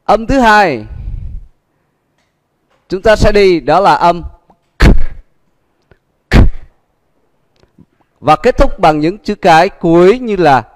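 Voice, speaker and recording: A man with a Vietnamese accent teaching English pronunciation in a livestream lesson, drilling words slowly and repeating them with many fillers. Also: high voice, animated, big-room sound.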